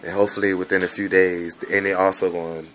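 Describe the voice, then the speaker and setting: Recovering from bronchitis, a young man sends a rambling personal video message from his hospital room. His voice sits low with little pitch movement and a fairly bright tone, his accent combines Bahamian, Jamaican and American, and he repeats himself and stretches things out.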